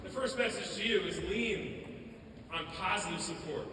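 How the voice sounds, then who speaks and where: A man giving a school assembly talk as a motivational speaker, telling stories in an animated way in a school auditorium. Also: high voice, moderate pace. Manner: storytelling, animated. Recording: echoey hall from far off, background noise.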